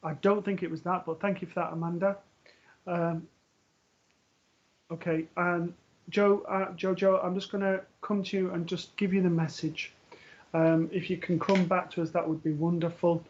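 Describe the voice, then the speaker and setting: Giving a live-streamed spiritual reading, a medium speaks in a high, level voice, gentle and soothing, though he often pauses with ums and starts his sentences over. The earpiece used for the broadcast leaves the audio dull and lo-fi.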